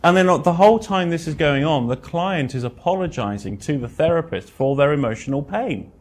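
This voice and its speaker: A middle-aged man giving a presentation as a therapist, a blunt, wry storyteller who swears and swings his voice up and down. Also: brisk. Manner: animated, swinging pitch and loudness. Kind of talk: lecture with anecdotes.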